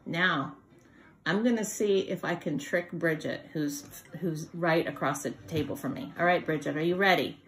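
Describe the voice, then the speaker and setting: A woman's voice: deep voice, normal speed. Middle-aged woman teaching young children. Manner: encouraging, simple child-directed phrasing with questions and repetition. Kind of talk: sign language lesson for young children. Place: indoor room at home, seated at a wooden table.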